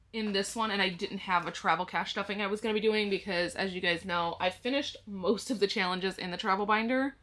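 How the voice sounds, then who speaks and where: A woman with a bright, forceful, mid-range voice talks her viewers through her budget in a casual vlog. She explains every step and counts out the money aloud.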